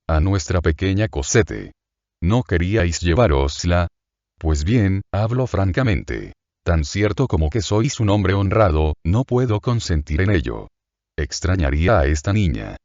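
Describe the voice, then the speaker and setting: A man's voice: low-pitched, a little mellow, no echo, muffled recording. A man reading as a sly, sugary innkeeper. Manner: falsely kind, sentimental, calculating. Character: sly, ingratiating middle-aged male innkeeper.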